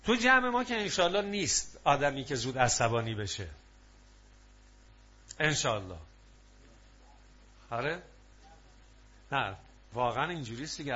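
A man giving a religious talk to a live audience, lively and often prompting listeners to answer aloud, on a muffled lo-fi recording. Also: mid-range voice, a little hiss or hum. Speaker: preacher.

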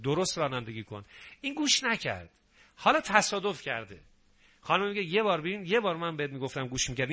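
A middle-aged man preaching a sermon on family life, animated, acting out quarrels between spouses. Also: a little high. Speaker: preacher giving a nightly family talk.

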